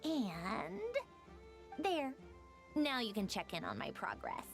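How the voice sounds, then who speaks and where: A woman's voice: fairly high pitch, sing-song, takes it slowly, gravelly, music in the background, heavily acted. A woman voicing a haughty, impatient young female inventor with a smug, exasperated drawl in an anime video game.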